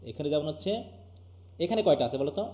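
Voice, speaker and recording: Brief: Bangladeshi male teacher, quick patter, mellow dark tone, quizzes the class often. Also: fairly high pitch, lively intonation, echoey room. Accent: Bangladeshi Bengali. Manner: keeps asking students questions. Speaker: English teacher. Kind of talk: live online class lecture.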